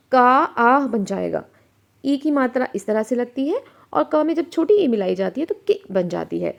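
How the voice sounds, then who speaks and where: A woman teaching a grammar lesson for children. She asks questions and answers them herself, and she slows down to sound out letters and example words. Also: a little high, creaky, a little mellow.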